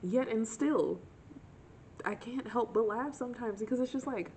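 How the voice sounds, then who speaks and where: A young woman telling dating stories in a casual, sarcastic, animated way to her camera. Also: a little high, normal speed, a little hiss or hum. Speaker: vlogger. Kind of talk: casual storytime chat.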